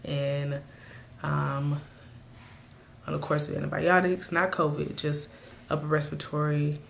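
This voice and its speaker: A woman with a raspy, hoarse voice from a cold, giving earnest motivational advice straight to her viewers in a casual vlog. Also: low voice, little pitch movement, measured pace, slight background noise. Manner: earnest, speaks to viewers directly. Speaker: vlogger.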